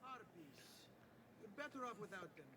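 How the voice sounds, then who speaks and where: A man's voice: high voice, lively intonation, moderate pace, slightly rough, full character voice. An actor playing a brash, protective young Italian nobleman in a video game, blunt and dismissive. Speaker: game character. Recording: game audio under loud noise.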